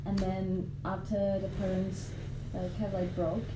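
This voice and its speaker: A Thai woman, a native Thai speaker, telling a story as a podcast guest in halting English full of fillers. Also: medium pitch, completely flat delivery, distant mic. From Thailand. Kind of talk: casual chat. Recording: echoey room with background noise.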